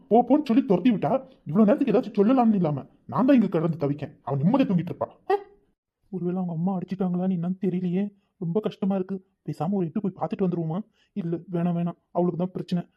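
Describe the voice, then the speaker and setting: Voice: medium pitch, very fast, natural voice. A voice actor playing a moody, lovesick young man in a cartoon, speaking in a sullen, snapping manner. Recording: dull lo-fi recording.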